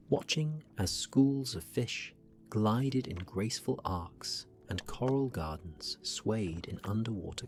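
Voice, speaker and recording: A man working as a sleep story narrator, guiding relaxation in a gentle, soothing, hushed delivery that drifts toward a whisper. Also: lowish voice. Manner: slow, gentle, soothing, often falling near a whisper.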